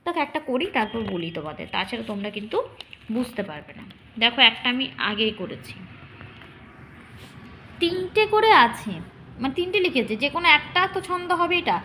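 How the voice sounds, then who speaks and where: A woman teacher explaining poetic meter to students, speaking to them directly and drawing out syllables slowly to demonstrate. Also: high-pitched, sing-song, bright, forceful tone, slight background noise. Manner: addresses students directly, checking understanding.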